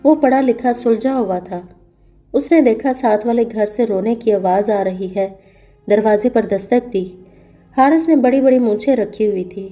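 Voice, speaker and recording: A woman narrating a scripted story in a steady, earnest storytelling manner. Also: fairly high pitch, soft background music.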